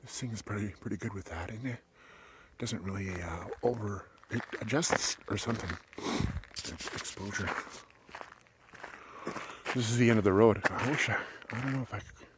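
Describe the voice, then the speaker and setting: Low-voiced man rambling on a walk. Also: moderate pace, pauses often, background noise. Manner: rambling, thinking aloud with many restarts. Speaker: vlogger. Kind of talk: casual walk-and-talk vlog. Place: outdoors on a walk.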